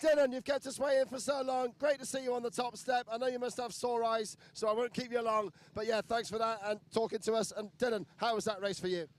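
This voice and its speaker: Upbeat high-voiced man presenting live motorsport. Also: flat delivery, brisk, few pauses. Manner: upbeat, congratulatory. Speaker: motocross podium interviewer and presenter. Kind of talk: live post-race interviews and announcing. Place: outdoors at a race track.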